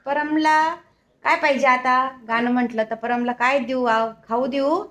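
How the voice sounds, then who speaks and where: High-voiced woman cooing to her toddler. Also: fairly even intonation, measured pace, fairly bright tone. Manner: sing-song baby talk to her toddler. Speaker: mother and vlogger. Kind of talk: casual home vlog. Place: bedroom at home.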